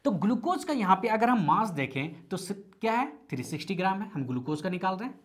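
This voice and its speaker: A woman's voice: very animated, fast talker. A woman teaching a chemistry lecture, asking the class questions and then answering them herself, mixing English terms into Hindi. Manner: drops pitch on each answer.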